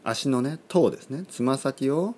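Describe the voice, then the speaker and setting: A man hosting a solo podcast for language learners, talking in a playful, joking way and speaking slowly and clearly. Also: mid-range voice, mellow, slight background noise. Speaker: podcast host teaching Japanese learners. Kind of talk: casual solo podcast talk.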